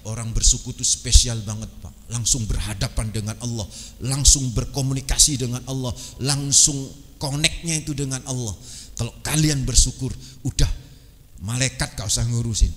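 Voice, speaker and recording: A man's voice: mid-range voice, a bit bright, long reverb tail. A man with a Javanese accent giving a conversational mosque sermon, often addressing listeners as "Pak" and chanting verses. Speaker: preacher.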